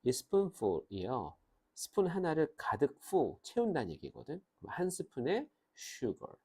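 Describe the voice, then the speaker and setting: Animated husky-voiced male grammar teacher. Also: on the high side. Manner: animated, switches between Korean and slow, drawn-out English phrases. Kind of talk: lively classroom lecture.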